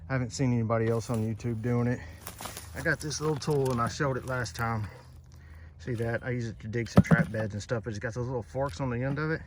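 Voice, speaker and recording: Male outdoors vlogger, mid-pitch, plainspoken how-to talk, audible outdoor noise. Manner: plainspoken, repeats advice for emphasis. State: out of breath. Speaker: trapping vlogger. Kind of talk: casual outdoor how-to vlog. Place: outdoors on a farm field.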